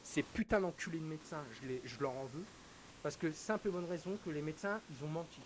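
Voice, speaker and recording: A male streamer recounting a personal loss in halting, emotional storytelling, his voice dropping to a hush and then rising again. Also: a little high, rough recording. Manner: halting, quotes dialogue, swings between hushed and raised. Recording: hissy background noise.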